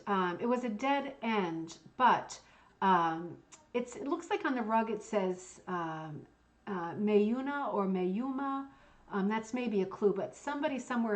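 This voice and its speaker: A woman's voice: medium pitch, expressive, moderate pace. Female bingo-caller host, mid-range voice, casual and enthusiastic, gushing between read-aloud passages and asides. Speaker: host of a hooked rug bingo show.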